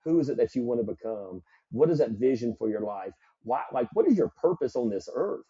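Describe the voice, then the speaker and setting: A middle-aged psychologist and performance coach from South Carolina, with a Southern accent, speaks earnestly and reflectively as a guest in a podcast interview. His mid-range voice is warm with a breathy edge, fairly quick, with lively intonation. The recording is muffled, with no room sound.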